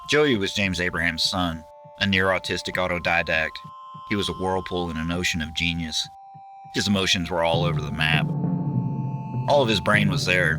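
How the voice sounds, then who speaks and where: A man reading his own novel aloud in a wry, sardonic first-person narration. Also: sits low.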